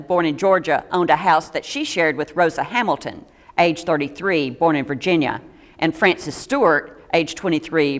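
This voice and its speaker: A woman with a drawl reads a local history talk aloud to a roomful of listeners, working through names and dates at an even clip with the odd stumble and a dry aside. Her voice sits a little low. The sound carries a long, echoing reverb from the hall. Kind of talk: public history talk reading from notes. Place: meeting room with a live audience.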